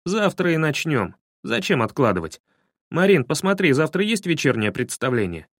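A man's voice: fairly high pitch, sing-song, moderate pace, a bit bright, no room sound, studio quality, exaggerated voice. A man playing a bold, bossy young schemer. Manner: commanding, scornful.

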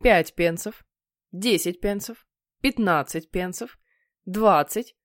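A woman voicing a father who talks firmly and briskly. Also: lowish voice, no echo, clean studio sound. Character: cheerful but strict father.

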